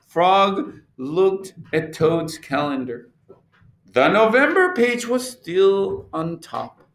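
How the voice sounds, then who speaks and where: Slow, animated male storyteller. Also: high-pitched. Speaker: teacher reading aloud. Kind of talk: expressive children's read-aloud. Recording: echoey room.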